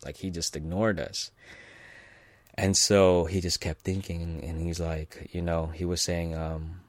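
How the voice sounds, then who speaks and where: A man's voice: low-pitched, little pitch movement, unhurried, no room sound. A man from California telling a personal story in a loose, rambling way, with many fillers, restarts and chuckles. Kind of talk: casual personal anecdote.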